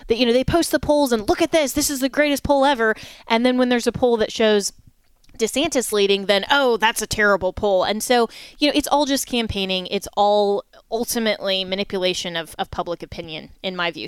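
A woman's voice: a little high, clear, resonant tone, no echo. A woman hosting a call-in talk radio show, chatting with callers and giving her opinions in a conversational way.

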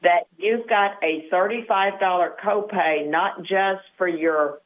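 A Medicare advisor in her 60s calls in to the show and lays things out in a matter-of-fact way, her speech slow and her voice on the low side. The phone line sounds tinny.

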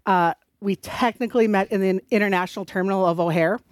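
Speaking conversationally as a guest on a radio show, this woman directs a resource center and has a slight North Dakota accent mixed with other areas. She talks fast in a mid-range voice, and the studio-quality recording has no echo.

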